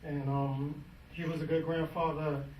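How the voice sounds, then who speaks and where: Man, grandson, funeral tribute, halting, restarts, far away, roomy, noisy background. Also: on the high side, little pitch movement. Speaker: grandson of the deceased.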